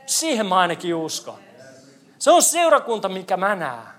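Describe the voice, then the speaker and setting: A man's voice: high voice, huge pitch swings, a bit bright. A male pastor giving a playful interactive sermon, quizzing the congregation. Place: church hall.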